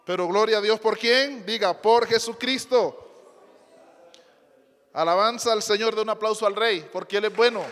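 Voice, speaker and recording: A man's voice: high voice, moderate pace, pauses often, a bit bright. A male pastor preaching to a congregation, emphatic, repeating phrases and asking rhetorical questions. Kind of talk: sermon. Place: church before a congregation. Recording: long hall reverb.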